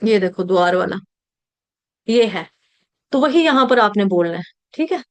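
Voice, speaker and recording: A middle-aged woman teaching Sanskrit verse recitation in an online class. She chants the verse in slow, drawn-out syllables, then explains pronunciation in quick conversational asides over a video call. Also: mid-range voice, expressive.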